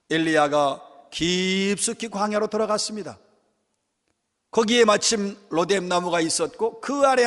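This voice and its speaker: High-voiced pastor preaching in a reverberant church. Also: male voice, fairly bright tone. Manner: fervent preaching that acts out quoted prayers. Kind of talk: sermon. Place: church sanctuary. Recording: long reverb of a church hall.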